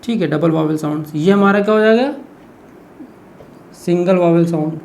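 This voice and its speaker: A man's voice: sits high, moderate pace, gravelly, a little mellow, a little hiss or hum. A man teaching an exam-prep lesson, explaining step by step and asking questions he answers himself. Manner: explains step by step, keeps asking "what is it?" and answering, frequent "okay".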